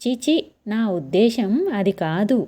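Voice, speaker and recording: A woman's voice: medium pitch, animated, dark tone. A woman voicing a joking, exasperated young husband who drags out his teasing lines. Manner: teasing, drawn-out.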